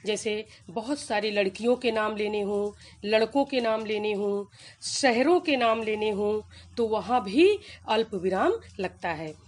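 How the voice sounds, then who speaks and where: A woman teacher explaining grammar to school students, slowly and deliberately, working through examples. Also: medium pitch, expressive. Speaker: Hindi teacher.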